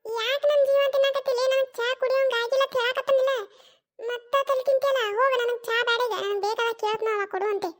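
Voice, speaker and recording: A performer voicing a stubborn, scolding older mother-in-law in a cartoon, speaking with a North Karnataka Kannada accent and drawn-out retorts. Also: very high voice, fairly even intonation, a bit bright. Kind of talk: cartoon voice acting.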